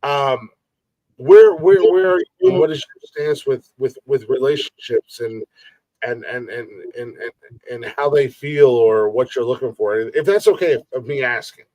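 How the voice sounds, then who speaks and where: A man's voice: medium pitch, animated, measured pace, darkish tone, no echo. A man in his forties hosting a casual live-stream podcast, rambling, repeating himself and swearing freely. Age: 40s. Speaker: podcast host.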